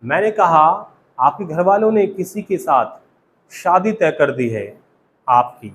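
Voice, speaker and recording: High-voiced teacher quizzing a class. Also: male voice, lively intonation, slow pace, a bit bright, slight background noise, low-quality recording. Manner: quizzing students with repeated questions. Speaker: spoken English teacher. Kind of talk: classroom grammar lesson.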